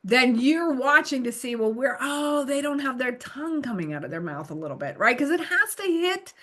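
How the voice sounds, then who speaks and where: Speaking briskly in a voice that sits high, a middle-aged woman leads a recorded lesson training volunteer literacy tutors. She's animated and encouraging, acting out learners' reactions.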